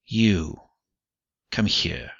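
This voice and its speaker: A man voicing a domineering, rough man in his late forties who barks orders in a deep, gravelly voice on a dull lo-fi recording. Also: slow, pushed and bright, no room sound, exaggerated voice. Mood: commanding. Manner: commanding, barking orders.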